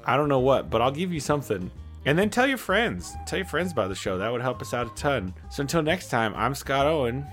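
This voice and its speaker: Guy co-hosting a goofy podcast, playful and giggly, normal pitch. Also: sing-song, a little fast, fairly bright tone, soft background music. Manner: playful, giggly, stammering bits. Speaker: podcast co-host. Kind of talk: comedic casual chat.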